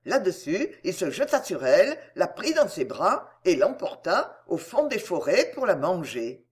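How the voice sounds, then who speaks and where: Expressive woman narrating a storybook. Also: lowish voice, a little slow. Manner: expressive, varied intonation. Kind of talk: audiobook narration.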